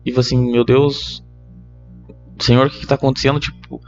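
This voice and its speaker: A young man with a Brazilian Portuguese accent, a podcast guest telling a personal story in casual chat, animated and laughing between lines. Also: mid-range voice, a little fast, dull audio, soft background music. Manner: animated, laughs mid-story, many fillers.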